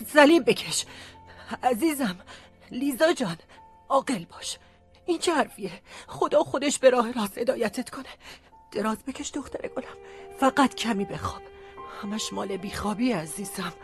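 A woman's voice: on the high side, expressive, soft background music. A woman acting a fussy, doting elderly aunt in a radio drama, fretful and pleading. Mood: alarmed. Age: older.

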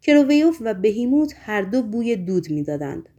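Woman reading a novel aloud, mellow. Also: medium pitch, big pitch swings, lo-fi sound. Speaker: narrator. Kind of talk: audiobook narration.

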